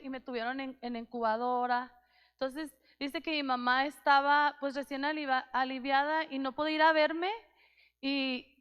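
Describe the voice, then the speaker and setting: A woman pastor in her thirties preaches in a heartfelt, storytelling way, often pausing and restarting her sentences. Her voice sits high. The sound carries the long reverb of a church hall. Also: lo-fi sound. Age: 30s. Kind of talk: sermon.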